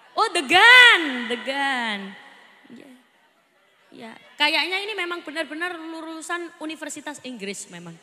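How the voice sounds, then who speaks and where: A woman preaching a lively sermon, playfully teasing her audience and acting out children and parents. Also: a little high, in a large hall.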